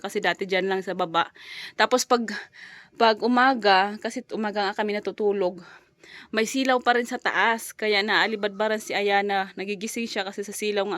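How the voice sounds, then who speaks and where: A woman's voice: mid-range voice, a bit bright, no room sound. A woman, a mother vlogging casually at home, chatting while she tidies and mixing Tagalog with English.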